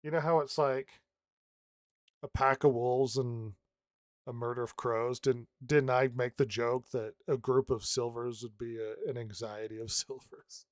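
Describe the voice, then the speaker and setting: A man's voice: medium pitch, steady tone, measured pace, no echo, clean studio sound. A man hosting a casual podcast chat, sarcastic and jokey, often laughing. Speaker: podcast host.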